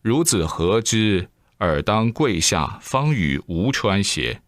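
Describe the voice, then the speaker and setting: Picture an aloof old male immortal in a told tale, slow and solemn in his old-fashioned speech. His voice sits low and close, with a dry sound, and a man acts him out. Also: sing-song, no echo, full character voice. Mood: scolding. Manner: slow, drawn-out classical declaiming.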